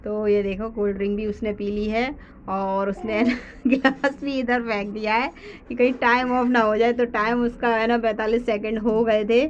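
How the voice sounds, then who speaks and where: A woman's voice: a little high, level tone, normal speed, highs cut off, slight background noise. A woman narrating a family vlog, walking through what happens step by step with lots of fillers. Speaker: family vlogger.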